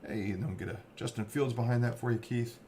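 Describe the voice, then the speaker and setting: Low gravelly guy rambling thru a card break, some faint noise behind. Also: fairly even intonation, fast, mellow. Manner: rambling, reads off player names. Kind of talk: casual live card-break commentary.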